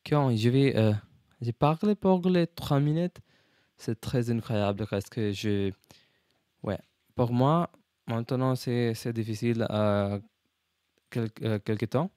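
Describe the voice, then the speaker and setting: A man learning French as a second language, with a foreign accent in French, talking casually in a vlog and haltingly searching for words as he switches languages. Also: medium pitch, dark tone, clear, resonant tone, dry recording, studio quality. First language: not French, a learner. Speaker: language learner, video host.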